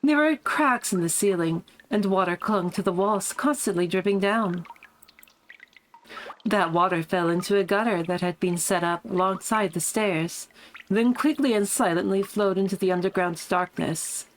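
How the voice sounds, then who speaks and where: A smug, posh woman narrates her own cautious steps in a story game, as a woman reads her lines. The reading is measured and steady, at a middling pitch. A faint hum sits under the voice. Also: close to an everyday voice, low-quality recording. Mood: tense. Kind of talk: live reading of a visual novel.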